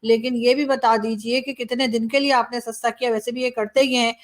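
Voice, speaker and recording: A woman's voice: a little high, flat delivery, fairly quick. A woman from Pakistan with a Pakistani Urdu accent, giving casual, opinionated news commentary with frequent fillers. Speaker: journalist and commentator.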